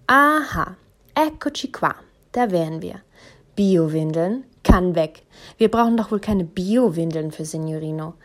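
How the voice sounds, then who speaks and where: Lady playing a stubborn roman husband, middle-aged, theatrical, tosses in italian bits, goes high and loud when he's outraged. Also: measured pace. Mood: indignant. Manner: mixes Italian phrases, dramatic outbursts.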